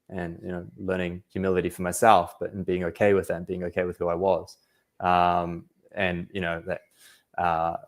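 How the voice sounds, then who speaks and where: Reflective deep-voiced young man. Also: a little mellow. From New Zealand. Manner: reflective, many fillers. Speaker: anxiety coach guest. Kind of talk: casual podcast interview.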